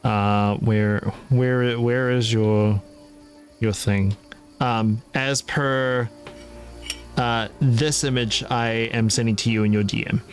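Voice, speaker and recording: A man's voice: medium pitch, fairly even intonation, takes it slowly, soft background music. A man playing in a tabletop game, chatting playfully with hesitant restarts. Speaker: player. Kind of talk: casual pre-game chat on a voice call.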